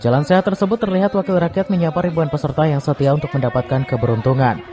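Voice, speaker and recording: A man's voice: fairly high pitch, fairly even intonation, fast talker. A man with an Indonesian accent reading a scripted news report as a field reporter.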